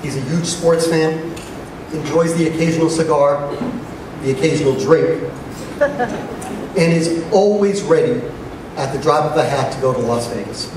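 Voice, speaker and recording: A middle-aged man giving a father of the bride speech at a wedding reception, speaking deliberately with pauses and dry humor. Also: on the high side. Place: large room at a wedding reception. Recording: echoey reception hall, distant mic, noisy crowd. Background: guests and crowd noise.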